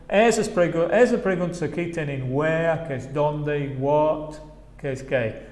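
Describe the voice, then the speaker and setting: Slow-speaking English teacher in echoey room. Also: male voice, fairly high pitch, darkish tone. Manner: slow, drawn-out model phrases for students to repeat. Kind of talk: online group English lesson. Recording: echoey room with long reverb.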